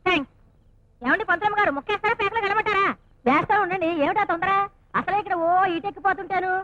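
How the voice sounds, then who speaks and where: A bossy, scolding matriarch. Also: female voice, extremely high pitch, fast talker, pushed and bright. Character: bossy middle-aged woman, loud and scolding. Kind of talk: film comedy acting. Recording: dull old film soundtrack with music.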